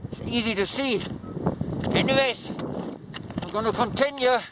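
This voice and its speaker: A man narrating a casual hiking vlog outdoors, speaking to viewers in a halting, unhurried way. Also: very high voice. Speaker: vlogger, mountain hiker. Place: outdoors on a high mountain trail. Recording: loud wind buffeting the mic outdoors. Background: wind noise.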